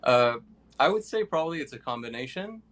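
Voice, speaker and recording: A young man from Iraq, a pianist guest, answering interview questions with many pauses and fillers. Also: mid-range voice, sing-song, fairly bright tone.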